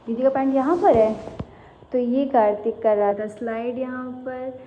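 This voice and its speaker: A woman in her thirties talking casually to the camera in a home vlog, chatting and gently coaxing her children. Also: sits high, fairly even intonation, normal speed, slight background noise, rough recording. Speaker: vlogger and mother. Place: home, indoors.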